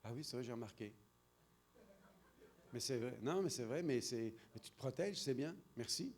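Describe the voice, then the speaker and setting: A man's voice: mid-range voice, animated, moderate pace, darkish tone. A man from France with a French accent, giving an interactive sermon-style talk and calling on audience members by name. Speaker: speaker at a church seminar.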